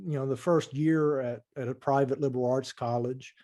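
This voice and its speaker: A man from eastern Kentucky with an Appalachian accent, reflecting as a podcast guest in a thoughtful, halting way. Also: medium pitch, steady tone, dark tone. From eastern Kentucky, USA. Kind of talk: reflective interview talk.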